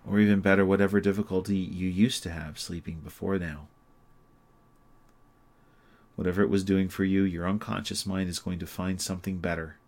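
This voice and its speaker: Deep voiced guy doing sleep hypnosis, slow soothing repeats, pretty monotone.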